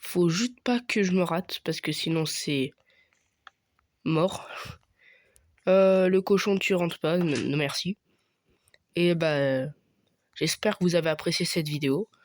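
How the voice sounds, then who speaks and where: A man's voice: fairly high pitch, steady tone, slow, pauses often, no echo, clean studio sound. A young man giving casual commentary over his own gameplay, thinking aloud with many hesitations and fillers. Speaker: gaming youtuber.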